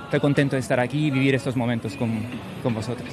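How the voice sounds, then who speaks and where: A man's voice: mid-range voice, fairly even intonation, fast talker, crowd noise. A man from Italy, a protester giving a hesitant street interview and repeating words as he goes. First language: Italian.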